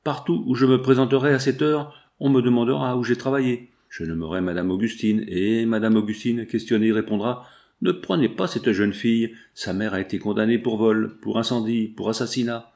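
A man's voice: medium pitch, fairly quick, vocal fry, darkish tone, natural voice. A man voicing a proud, defiant young woman seamstress, pleading with passion as he reads a novel aloud. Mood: indignant. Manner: impassioned, indignant pleading.

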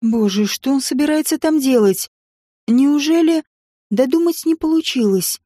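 A woman narrating a romance novel in the first person, in an intimate, expressive reading. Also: high voice, moderate pace, dry recording, studio quality. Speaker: audiobook narrator.

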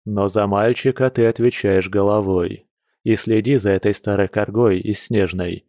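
A man voicing a stern werewolf pack leader in an audiobook, measured and authoritative. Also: lowish voice, steady tone, dark tone, no room sound, clean studio sound, lightly acted. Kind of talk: audiobook character voice.

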